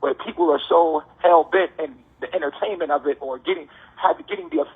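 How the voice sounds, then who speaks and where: A man's voice: fairly high pitch, brisk, slightly rough. A man calling from jail on a prison phone, ranting in an insistent, preachy way and repeating himself. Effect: prison phone call. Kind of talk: heated ranting monologue. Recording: tinny prison phone line.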